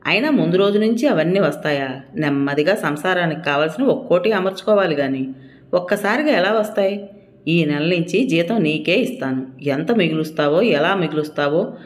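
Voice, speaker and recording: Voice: mid-range voice, close to an everyday voice. Narrator voicing a young clerk husband in an audio story, joking and coaxing, kind of teasing.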